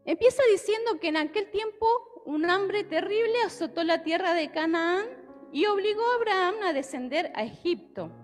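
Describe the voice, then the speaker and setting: A young Argentine woman with an Argentine Spanish accent preaches a sermon with Bible reading into a handheld mic on the stage of an indoor church hall. Her high voice swoops up and down at a moderate pace as she converses lively with her listeners, often checking in with them. Long hall reverb carries her words over faint, soft music.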